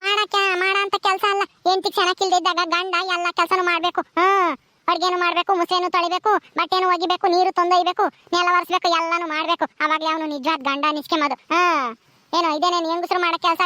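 A woman's voice: very high-pitched, little pitch movement, racing, bright, forceful tone, no room sound. A woman playing an ailing, bossy village wife in a comedy skit, with a rural Karnataka Kannada accent and a nagging, scolding manner.

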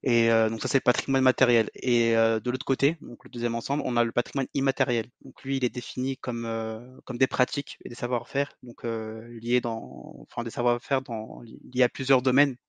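Man from Algeria, monotone delivery, explains at length with stops and fixes, close dry mic. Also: mid-range voice, dry recording. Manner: halting, self-correcting. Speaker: podcast guest, heritage advocate. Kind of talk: explanatory interview answers.

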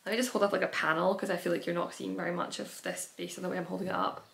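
A woman's voice: lowish voice, level tone, racing, gravelly, a bit bright. A woman hosting a knitting podcast, chatting casually as she shows her projects, rambling with fillers and self-corrections. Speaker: knitting podcast host and pattern designer. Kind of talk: casual chatty show-and-tell.

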